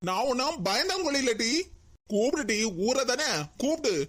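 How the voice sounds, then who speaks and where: Cartoon villain: woman doing a bullying, hot-headed uncle with a Kanyakumari accent, pitched high, menacing and mocking. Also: lively intonation, moderate pace. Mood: threatening. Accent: Kanyakumari Tamil. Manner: bullying, taunting, threatening. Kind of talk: cartoon voice acting.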